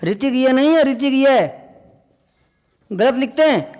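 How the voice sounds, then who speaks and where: High-voiced man teaching in a reverberant room. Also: lively intonation, a little slow, darkish tone. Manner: repeats key points with quiz-like questions to students. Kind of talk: classroom grammar lesson. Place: classroom.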